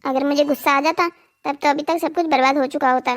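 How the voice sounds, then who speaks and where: A voice actor playing an indignant, argumentative young man in a cartoon story, protective of his sister and quick to anger. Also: extremely high pitch, fairly even intonation, crowd noise. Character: hot-headed protective young brother.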